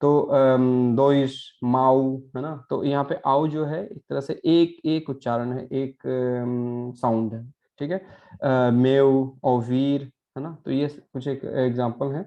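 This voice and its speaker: A man's voice: medium pitch, steady tone. Patient man teaching pronunciation, lo-fi. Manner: patient, repeats words slowly and adds frequent "है ना" checks. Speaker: Portuguese language teacher. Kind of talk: classroom pronunciation lesson.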